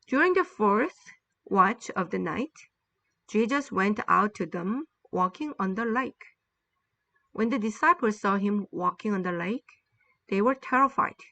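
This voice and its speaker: Woman, English teacher, Bible English lesson, slow and deliberate reading, repeats phrases, bright voice. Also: mid-range voice, expressive, no room sound. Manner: explains in Korean, then reads English lines slowly and deliberately; repeats phrases for learners to follow.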